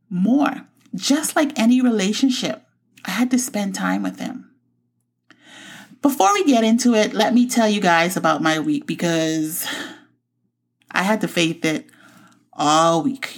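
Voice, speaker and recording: A woman in her forties from the Bahamas, hosting her own show and telling her personal faith story in a reflective, heartfelt way. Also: mid-range voice. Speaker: podcast host.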